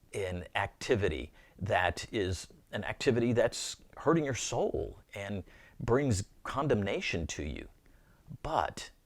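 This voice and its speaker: Low-ish guy giving an earnest bible talk, voice swings around a lot, says things twice. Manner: earnest, repeats words while thinking aloud. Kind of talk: informal teaching to camera.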